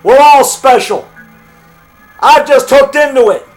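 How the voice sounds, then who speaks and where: A man's voice: extremely high pitch, a little slow, faint music behind, low-quality recording. A middle-aged man in a combative, off-the-cuff phone argument, defiant and boastful, punctuating his points with "brother" and "pal.". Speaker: low-budget monster movie maker.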